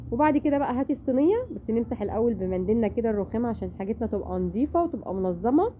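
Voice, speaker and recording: Fast-chatting Egyptian woman, tinny sound. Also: fairly high pitch. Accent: Egyptian Arabic. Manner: chatty, confiding, acts out dialogue. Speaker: vlogger. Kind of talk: casual cooking vlog chat. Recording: tinny phone-like sound, faint noise.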